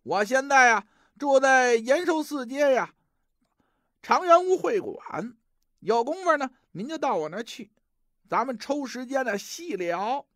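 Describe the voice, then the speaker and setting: A man's voice: very high voice, very animated, a little slow, a bit bright, no room sound, studio quality, exaggerated voice. A male storyteller voicing an effusive, courteous scholar who loves opera, in dramatic dialogue. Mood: friendly, courteous. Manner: hearty, familiar, polite.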